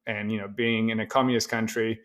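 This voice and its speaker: Middle-aged man from Poland, guest on an interview; low, even delivery, hesitant and relaxed. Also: brisk. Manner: relaxed, hesitant with many fillers. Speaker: guest, tech company founder. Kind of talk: casual interview conversation.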